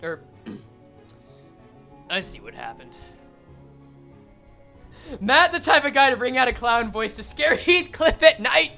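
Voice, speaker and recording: Animated woman streamer with loud exclamations. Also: sits high, normal speed, vocal fry. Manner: animated, swears freely, bursts into loud exclamations. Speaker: streamer reading and reacting to a game. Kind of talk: excitable game commentary. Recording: game music behind the voice.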